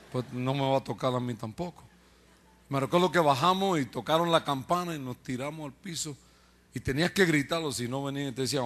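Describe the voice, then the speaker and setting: A man's voice: on the high side, fairly bright tone. A man preacher telling his testimony with humor, acting out other people's voices and laughing at himself. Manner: acts out quoted voices, jokes and laughs at himself.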